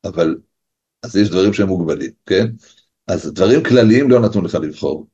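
A rabbi with a deep, mellow, slightly rough voice gives an animated Torah lesson over a video call, working through his argument by asking and answering his own questions. The call audio is dull and lo-fi.

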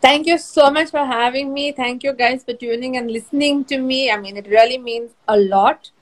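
A woman's voice: high-pitched, moderate pace. A woman with an Indian accent speaking casually and earnestly as a guest on a talk show, with a humble manner. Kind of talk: casual parting message on an interview show.

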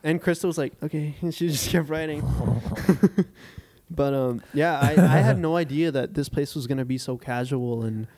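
A man's voice: mid-range voice, normal speed, vocal fry, darkish tone. A young man chatting casually and telling a rambling story, full of fillers and restarts. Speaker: coffee shop employee. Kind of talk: casual chat.

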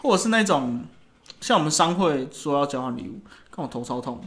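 A man's voice: on the high side, expressive, brisk, fairly bright tone. A man hosting casual comedic banter, teasing crudely and swearing freely. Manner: crude, profanity-laced teasing. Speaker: talk show host.

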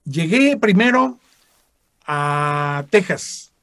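This man draws out his words in a voice on the high side and speaks with a Mexican Spanish accent. A former voice actor and radio announcer, he tells stories in a casual interview, animatedly acting out the voices he quotes. The studio-quality recording has no room sound.

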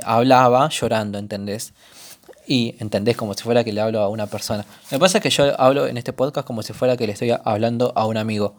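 Young Rioplatense man, solo podcast host, casual, swears offhand, middle-range voice. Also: medium pitch. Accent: Rioplatense Spanish. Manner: chatty, rambling, swears casually.

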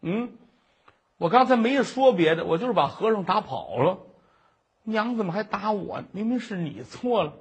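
A man's voice: high-pitched, big pitch swings, moderate pace, breathy edge, pitched above the performer's own voice, heavily acted. A male storyteller voicing an indignant young boy who feels wronged by his mother. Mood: hurt. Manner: sulky, indignant. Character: young boy, angry and hurt son.

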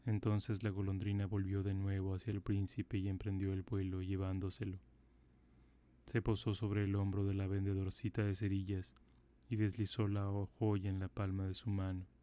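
A man narrating a fairy tale in a calm, even storybook delivery. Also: deep voice, moderate pace.

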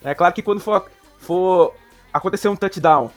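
A man with a Brazilian accent co-hosting a casual sports podcast, slangy and joking, halting and often repeating himself. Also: high voice, faint music behind. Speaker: podcast co-host.

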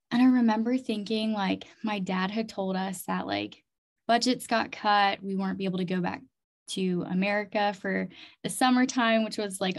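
A community development leader and leadership coach from Chiang Mai, Thailand and North Dakota speaks as an interview guest. She has a medium-pitched, somewhat dark voice and recounts her own experiences with earnest emphasis, leaning heavily on "like" and "literally."

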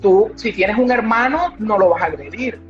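A woman's voice: mid-range voice, expressive, normal speed. A woman specialist explains child behavior with firm emphasis, repeating her key points and working through examples. Her voice sits mid-range. The audio is dull and lo-fi, with faint music underneath. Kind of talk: explanatory interview talk.

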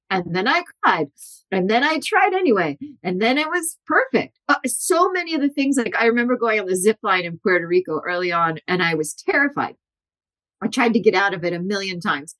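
A woman in her forties, a guest in an interview, telling lively anecdotes and acting out the people she quotes. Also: medium pitch. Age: 40s. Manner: animated, acts out quotes with shifting voices. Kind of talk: storytelling interview.

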